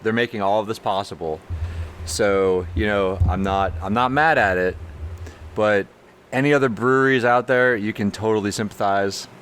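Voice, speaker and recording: A man's voice: normal speed, slight background noise. A man co-hosting a casual podcast, telling bar stories with lots of energy and acted-out voices. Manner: animated, jumps high when acting out the story. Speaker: podcast co-host, brewery owner. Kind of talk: casual storytelling chat.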